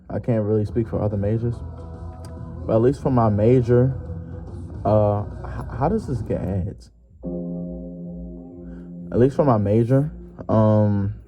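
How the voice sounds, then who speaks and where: The young podcast host, 21, speaks slowly with a warm, fairly low voice and frequent pauses. His solo monologue is loose and jokey, packed with slang and fillers, over music in a muffled lo-fi recording.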